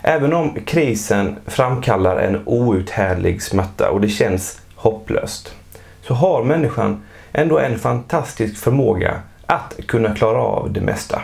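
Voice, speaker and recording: A man giving calm, measured scripted narration for an educational explainer video. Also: on the low side, gravelly, faint music behind.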